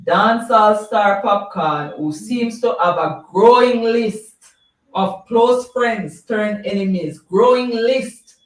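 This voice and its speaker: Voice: mid-range voice, slow, recorded from a distance. A live-stream host with a Jamaican accent, chatting casually and reading out viewer comments, rambling and repeating words. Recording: roomy sound, voice off-mic.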